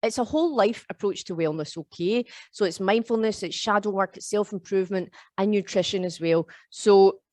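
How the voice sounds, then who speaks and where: Leading a live online yoga teacher training on a video call, a Scottish woman in her thirties with a Glasgow accent chats with students and keeps checking with "okay?" and "all right?". Her mid-range voice has a darkish tone, at normal speed with hardly any pauses, recorded dry.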